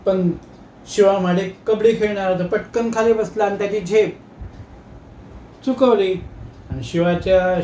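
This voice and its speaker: A man telling a comic story in a lively, dramatic way. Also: sits high, roomy sound, slight background noise.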